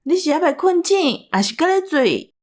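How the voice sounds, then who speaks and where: A woman with a Taiwanese accent co-hosts a casual special for a radio drama cast, her voice sitting high and very animated at a normal pace. Her banter is bossy and teasing.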